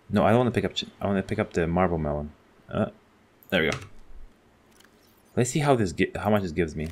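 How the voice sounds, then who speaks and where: Deep-voiced excitable man narrating gameplay. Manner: excitable, chatty, thinks out loud. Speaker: gaming channel host. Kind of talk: casual let's-play commentary.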